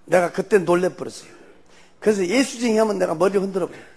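A man's voice: high voice, quick pace, gravelly, a little mellow, husky. An older man with a Jeolla Korean accent, a church elder telling his life story in a loose, folksy testimony. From Jeolla region, Korea.

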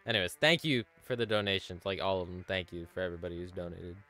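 A man live-streaming a game, excitable and laughing as he swears and thanks donors. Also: sits low, fast talker, soft background music. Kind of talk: live gaming stream chat.

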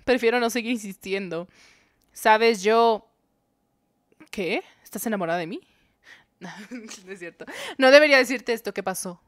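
A woman's voice: fairly high pitch, fairly bright tone, no echo, clean studio sound. A young woman, streaming a dating game, reading its dialogue aloud and joking with her chat. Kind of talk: live game commentary.

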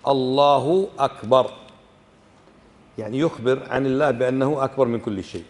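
Speaking very fast in a mid-range, somewhat mellow voice, a Kuwaiti-accented sheikh explains a fiqh book in a religious lesson, with a long reverb tail trailing his words. He regularly quizzes his students and models the pronunciation of terms.

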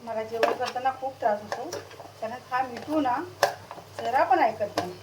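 A woman's voice: fairly high pitch, moderate pace, recorded from a distance. A woman cooking at home for her vlog, chatting to her pet bird and cat and scolding them in a coaxing, singsong way while she works. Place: home kitchen. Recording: loud background noise with pet cries.

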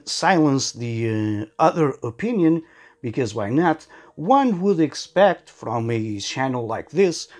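A man giving casual sarcastic commentary as a tech YouTuber, halting often with fillers. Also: medium pitch, darkish tone.

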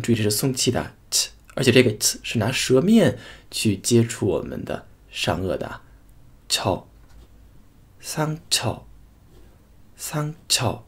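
A man teaching a pronunciation lesson, saying each sound twice in slow, drawn-out demonstrations. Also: medium pitch, slightly rough. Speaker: language teacher.

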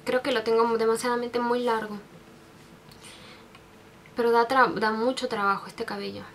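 This beauty vlogger from Peru, in her 20s, talks softly at normal speed in a level, slightly high voice. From a bedroom with makeup shelves, she reads out questions into her desk webcam for a casual Q&A tag video, sentimental and prone to restarts and fillers. A little hiss or hum is audible.

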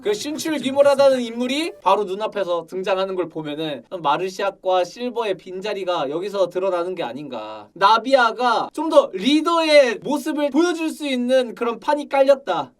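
A man streaming casual reaction commentary on a game trailer, excitable and gushing with exclamations. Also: high-pitched, normal speed, few pauses. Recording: slightly distant mic with music behind.

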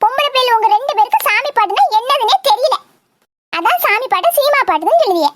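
A voice actor doing a squeaky fussing cartoon mother. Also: expressive, fast talker, background noise. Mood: scolding. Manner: scolding, exasperated nagging. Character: scolding doting mother, fussy and dramatic. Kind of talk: Tamil cartoon comedy voice acting.

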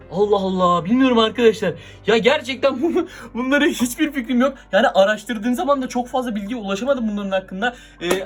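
A young man hosts a casual vlog with an excitable, chatty manner, constantly talking to his viewers. His voice sits very high and he talks fast. Faint music runs underneath. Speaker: YouTuber. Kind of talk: casual horror prank vlog.

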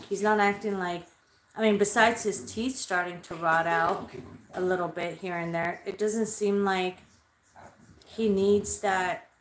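Chatting loosely with her livestream viewers, a thirties-aged spiritual medium rambles and swears freely from a small bedroom under red light. Her voice sits on the low side, and the desk-distance webcam catches an echoey room with a little hiss or hum.

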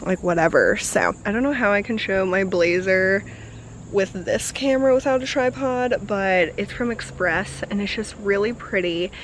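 A young woman talks casually to the camera as a beauty vlogger. She is bubbly and chatty, her sentences strung together with fillers and quick laughs. She records indoors at home. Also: mid-range voice, a little hiss or hum. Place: bedroom indoors, later outdoors on a porch.

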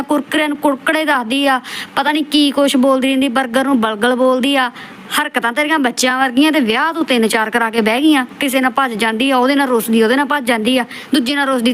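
A woman hosting a roast channel delivers scolding commentary over clips, insulting the subject in a lecturing, scornful way. Her voice is high and fairly bright.

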